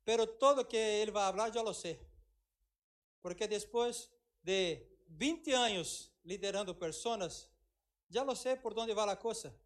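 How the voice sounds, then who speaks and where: Middle-aged male pastor, very high voice, emphatic sermon delivery with repeated lines. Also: a little slow, fairly bright tone. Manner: emphatic, repeats phrases for effect, mixes Portuguese and Spanish.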